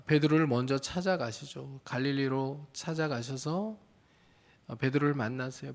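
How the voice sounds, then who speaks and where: Earnest pastor preaching to his congregation. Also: fairly high pitch. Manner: earnest, addresses the congregation with questions. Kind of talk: sermon. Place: church.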